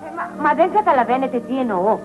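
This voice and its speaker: Prim genteel neighbor, formal, high voice, lively pitch. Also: female voice, narrow, tinny audio, over music, a crowd in the background. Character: prim, formal middle-aged female neighbor.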